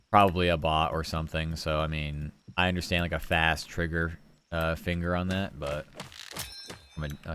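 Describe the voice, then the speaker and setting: Livestreaming gameplay, a man chats casually with viewers, musing aloud and trailing through his thoughts in an easygoing way. His low, slightly bright voice is smooth, with a comfy, cozy tone.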